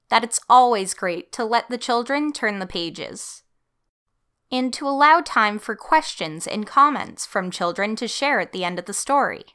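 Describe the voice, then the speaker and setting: A woman's voice: fairly high pitch, pushed and bright. A woman giving scripted instructional narration for a training video.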